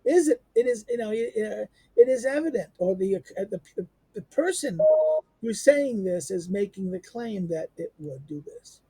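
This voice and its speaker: Halting lecturer, dark husky voice. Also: male voice, high-pitched, lively intonation. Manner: halting, many fillers and restarts, rhetorical questions. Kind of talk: unscripted lecture reading a text aloud.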